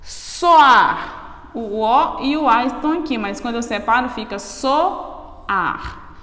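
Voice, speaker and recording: A woman with a Brazilian accent gives a grammar lesson at an unhurried, deliberate pace, breaking words into syllables and asking "ok?" along the way. Her voice sits a little high. The room rings with echo and a long reverb tail. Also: expressive, fairly bright tone. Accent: Brazilian Portuguese. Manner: slow, spells out syllables, checks with "ok?". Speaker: teacher.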